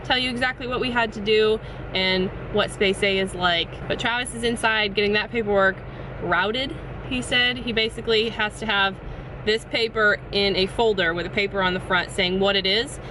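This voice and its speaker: A woman's voice: mid-range voice, fairly even intonation, moderate pace. A young adult woman chatting casually and explaining things to camera, sitting in a parked car in pouring rain. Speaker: vlogger. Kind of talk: casual vlog chat to camera. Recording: noisy rain drumming on car. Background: loud rain on the car.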